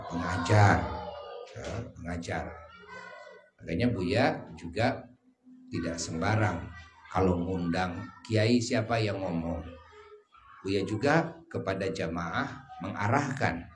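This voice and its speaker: Older preacher man with a lively sermon. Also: on the low side. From Indonesia. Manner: lively, asks listeners "kan?" often. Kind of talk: Islamic sermon. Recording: faint background noise and ambience.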